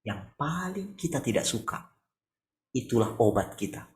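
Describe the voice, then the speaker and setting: A man, a pastor giving a conversational morning sermon over a video call, asking rhetorical questions and moving between soft and raised tones. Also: mid-range voice, very animated, normal speed.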